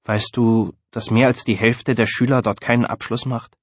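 A patient schoolteacher in a storybook reading, speaking in a calm, earnest, mid-pitched man's voice, as read by a man. The sound is close and dry. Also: normal speed, no room sound, natural voice. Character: adult male teacher, patient and earnest.

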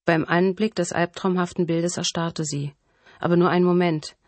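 A woman reading a first-person thriller audiobook in a measured, suspenseful way on a close studio mic. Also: on the low side, steady tone, dry recording. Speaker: audiobook narrator.

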